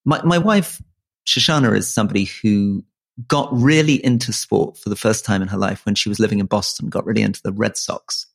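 A Malaysian-raised man co-hosts a casual political podcast in a low, gravelly, slightly rough voice. He sounds earnest but halting, often restarting sentences and repeating words.

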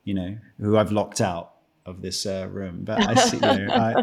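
A British man with a lowish voice chats casually as a podcast guest. He jokes and teases himself, stumbling and restarting sentences as he goes. He sounds like he is in his thirties. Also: wildly swooping pitch, moderate pace, breathy edge. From Britain. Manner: joking, self-mocking, many restarts. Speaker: guest actor.

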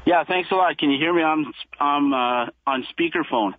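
A man's voice: fairly high pitch, moderate pace, dry recording. Rambling male caller on speakerphone. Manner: rambling, talks over the hosts. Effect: on speakerphone over a phone line. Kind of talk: call-in radio talk. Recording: tinny speakerphone call.

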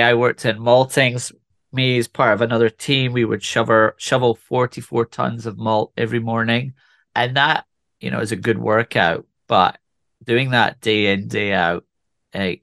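A man in his forties from Scotland, with a faint Scottish accent, telling his story as an interview guest in a relaxed way with frequent restarts. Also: lowish voice, vocal fry, no echo. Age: 40s. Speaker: whisky ambassador guest. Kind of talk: conversational interview.

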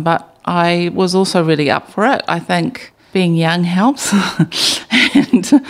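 Low-voiced older New Zealand woman. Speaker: business co-founder. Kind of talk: interview recollection.

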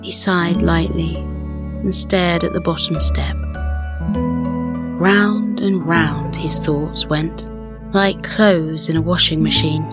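A woman narrating a children's sleep story in a gentle, soothing, unhurried way, as the host of a scripted bedtime podcast. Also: on the low side, steady tone, music in the background. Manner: soothing, gentle, unhurried guided-relaxation delivery.

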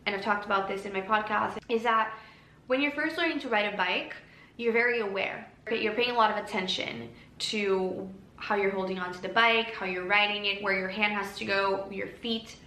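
A woman hosting a solo podcast, talking calmly and gently in an encouraging way. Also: mid-range voice. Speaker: podcast host. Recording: echoey room with faint ambient noise.

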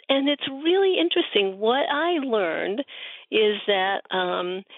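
Heard over a narrow, phone-like connection, a woman with noticeable vocal fry answers interview questions. She talks conversationally and thoughtfully, halting as she works through anecdotes. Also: mid-range voice, no echo. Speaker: interview guest, researcher and writer on friendship. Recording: muffled, phone-like narrow band.

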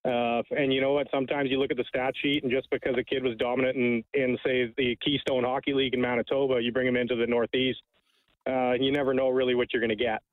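A man's voice: medium pitch, level tone, quick pace, dry recording. A man calling in to a radio show over the phone, a hockey scout giving his opinion bluntly. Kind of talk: call-in radio chat. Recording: tinny phone line.

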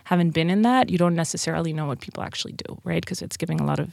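Racing through her answers, a Dutch-accented woman in her thirties chats informally on a podcast, telling stories about being a company co-founder. Her lowish voice is creaky and a little mellow, and there's no echo.

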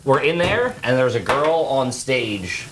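A man from the Philadelphia area, a guest in a casual chat, telling animated stories. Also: medium pitch, unhurried, noisy background.

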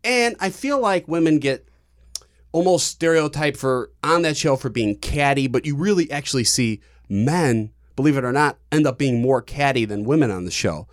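A man's voice: mid-range voice, normal speed. Man with an everyday mid-range voice, dry jokes delivered straight-faced. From Chicago. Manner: deadpan joking, mock earnest. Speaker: podcast guest. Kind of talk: casual chat.

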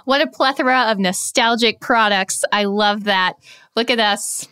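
A woman's voice: a little high, measured pace, pushed and bright, clear, resonant tone, dry recording. A woman hosting a casual podcast, recapping business stories with dramatic reveals. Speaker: podcast host.

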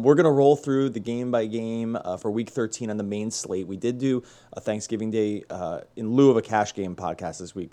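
A man's voice: fairly low pitch, mellow. A man hosting a sports podcast, chatting casually and rambling with many restarts. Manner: rambling, self-correcting, upbeat. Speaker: podcast host.

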